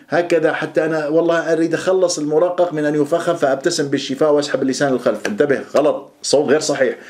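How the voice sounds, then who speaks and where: A man's voice: fairly high pitch, a little mellow. A man teaching Quran pronunciation, stretching out sounds to demonstrate them and firmly correcting common mistakes. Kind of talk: pronunciation lesson.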